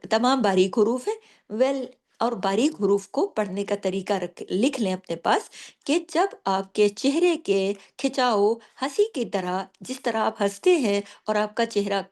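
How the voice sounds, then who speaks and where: A woman teaching tajweed, explaining the rules patiently and slowing down to recite each example, often checking in with her listeners. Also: mid-range voice, a little mellow. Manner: checks in often with "theek hai?".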